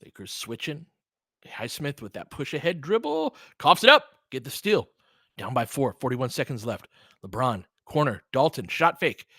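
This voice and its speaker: This commentator and host speaks at a moderate pace in a medium-pitched, sing-song voice that is sharp and slightly rough. He gives conversational, opinionated basketball play-by-play and analysis with mild swearing, in a clean studio recording with no echo.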